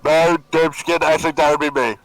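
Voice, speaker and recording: A man's voice: fairly high pitch, fairly even intonation, normal speed, dry recording, soft background music. A man playing a tabletop game whose voice sounds hollow and muffled because he is speaking into a cup. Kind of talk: casual play chat.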